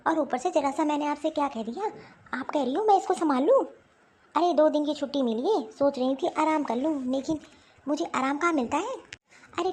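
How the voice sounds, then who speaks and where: A woman's voice: high voice, darkish tone. A woman voicing a rude, bossy young working daughter-in-law in a cartoon story. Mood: indignant. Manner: scolding, bossy, dismissive. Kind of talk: Hindi cartoon dialogue.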